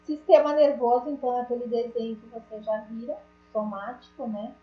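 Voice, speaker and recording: A high-pitched woman teaches an online class, chatty and full of small jokes as she talks straight to her students. Her voice comes through a dull, lo-fi call with a roomy echo. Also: steady tone, brisk. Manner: chatty, jokey, addresses students directly.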